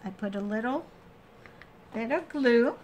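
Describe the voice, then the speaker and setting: A woman giving a casual hands-on craft tutorial, explaining each step in a halting way and restating as she goes. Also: a little high, animated, a little mellow, muffled recording, a little hiss or hum. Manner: halting, trailing off and restating steps.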